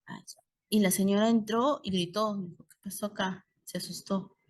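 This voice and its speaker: A woman's voice: mid-range voice, steady tone, normal speed, darkish tone. A middle-aged woman with a Peruvian Spanish accent, an obstetrician lecturing in an online course and telling clinical anecdotes with frequent tag questions.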